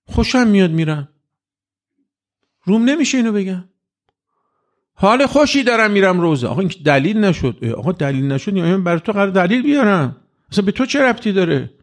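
A man giving an informal religious talk to an audience, speaking conversationally and acting out quoted exchanges with sudden jumps in pitch. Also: lively intonation, long pauses. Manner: conversational, acts out quoted dialogue with rising pitch. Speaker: religious lecturer.

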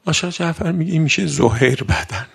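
A male preacher giving a conversational sermon in a gravelly voice with a husky edge. He talks in an everyday way and keeps asking his listeners rhetorical questions. He drags out key words slowly for emphasis. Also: on the high side, lively intonation, a bit bright. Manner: colloquial, asks the audience rhetorical questions.

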